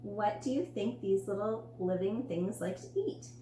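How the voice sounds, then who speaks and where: A woman's voice: mid-range voice, unhurried, warm tone, lightly acted. A woman voicing a friendly, enthusiastic dentist in a read-aloud storybook, asking questions in an emphatic teacherly way. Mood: explaining. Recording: roomy room with faint hum.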